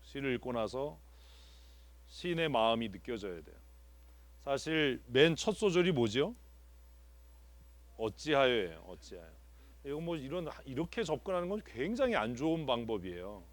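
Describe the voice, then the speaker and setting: A man, a pastor, teaching a Bible text to his congregation and asking its members what they feel about it. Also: medium pitch. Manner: asks the congregation questions and repeats answers. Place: church sanctuary.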